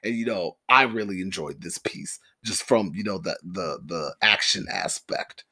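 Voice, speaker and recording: A young man co-hosting a casual podcast, animated and loose. His voice leaps up when he gets excited, and he leans on filler words as he talks. His speech stays relaxed and conversational throughout. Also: low-pitched, unhurried, husky. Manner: animated, laughing, filler-heavy. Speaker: podcast co-host.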